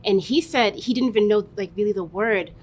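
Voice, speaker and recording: A woman from Massachusetts with West African parents shares personal stories as an interviewee, thoughtful and conversational in a reflective way. She talks a little fast with a darkish tone, and the recording has noticeable background noise with a low rumble.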